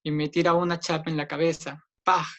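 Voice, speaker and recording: A man's voice: little pitch movement, fast talker, fairly bright tone. A young man with a Peruvian accent telling his own story in an interview, earnest, raising his voice when he acts out what others said. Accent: Peruvian Spanish. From Peru. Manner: earnest, acts out others' lines with raised pitch.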